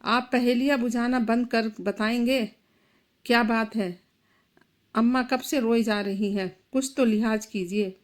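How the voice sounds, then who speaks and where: Woman voicing a gentle young wife. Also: fairly high pitch, fairly even intonation, a little slow, lightly acted. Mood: pleading.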